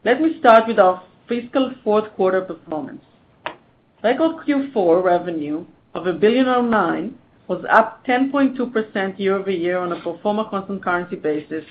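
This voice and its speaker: A narrow, phone-like line with faint rumbling noise carries a finance executive's voice. The delivery is formal and stiff, read from a prepared script as on an earnings call. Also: normal speed. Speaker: finance executive presenting quarterly results.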